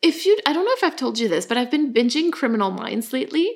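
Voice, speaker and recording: A woman's voice: sits high, fast talker. A woman co-hosting a podcast in casual chat, chatty and laughing often. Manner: chatty, laughs often, animated when joking. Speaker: podcast co-host.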